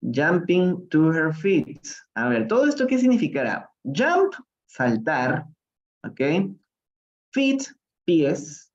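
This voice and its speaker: A man's voice: a little high, sing-song, dull audio. A man with a Peruvian accent teaching English in a live-streamed reading lesson, explaining phrases in Spanish and often checking in with "¿no?". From Peru. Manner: explains slowly, switching between English and Spanish, often asking "¿no?".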